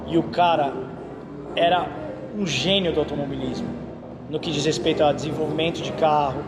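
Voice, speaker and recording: With music playing in the background, this Brazilian racing driver and instructor speaks at a moderate pace in a fairly high voice. He chats casually in an interview as an animated storyteller, often asking "entendeu?"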